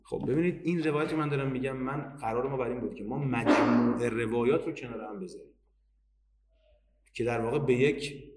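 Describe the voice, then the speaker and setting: A man's voice: mid-range voice, background noise. Man teaching a religious history lesson. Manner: reads Arabic narration slowly, then explains in casual Persian. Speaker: religious lecturer.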